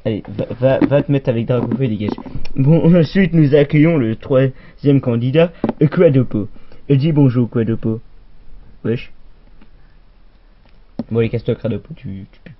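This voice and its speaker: A man's voice: medium pitch, moderate pace, pauses often. Man hosting a jokey toy-figure show; goofy, brusque mock-presenter in a middle register; dull lo-fi recording. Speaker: host. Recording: muffled lo-fi recording.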